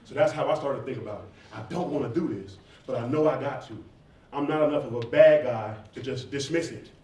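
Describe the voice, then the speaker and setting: Brisk and emphatic, a rapper in his thirties repeats phrases as he informally answers questions from students. His mid-range voice has a darkish tone. The stage performer is in a roomy indoor campus event space, where the distant mic picks up echo and faint noise.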